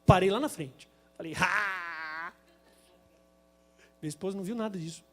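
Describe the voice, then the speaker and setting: Man, Brazilian Portuguese accent, preacher, sermon, very high voice, animated comic storytelling. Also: normal speed, soft background music. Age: adult, married with a son. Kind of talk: sermon with humorous personal storytelling.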